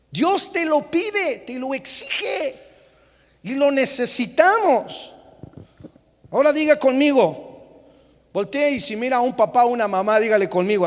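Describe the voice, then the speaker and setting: A man preaching a lively sermon as pastor, acting out parents and children in quick, changing voices. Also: very high voice, long reverb tail. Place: church.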